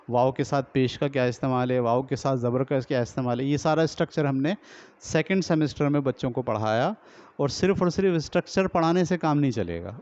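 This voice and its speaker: A man training teachers, explaining step by step, asking and answering his own questions and sounding out drill words slowly, with a Pakistani Urdu accent. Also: mid-range voice, darkish tone. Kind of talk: lecture on teaching reading. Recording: dull lo-fi recording.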